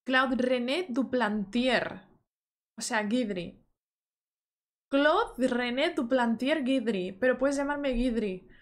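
A woman's voice: a little high, slow pace. Gidri, a woman reading a friendly ghost. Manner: reading the ghost's lines aloud in her own voice. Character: friendly male ghost, eager paranormal expert.

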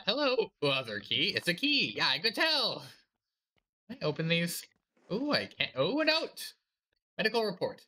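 Man, hiccupping, wry let's play commentary, animated pitch, bright tone. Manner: wry, joking, talks to himself. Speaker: VTuber streamer.

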